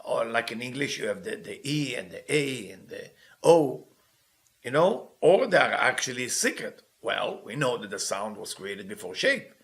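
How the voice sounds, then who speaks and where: Guy teaching kabbalah, bright voice, asks himself questions and answers. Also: mid-range voice, big pitch swings. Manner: reads Hebrew quickly then explains in English. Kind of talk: teaching a text.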